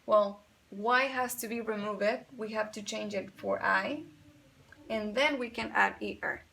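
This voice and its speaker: Gravelly-voiced woman teaching grammar. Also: mid-range voice, a little slow, pushed and bright, a little hiss or hum. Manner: patient, explains step by step, repeats examples; switches between Spanish and English. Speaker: English teacher. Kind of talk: bilingual grammar lesson.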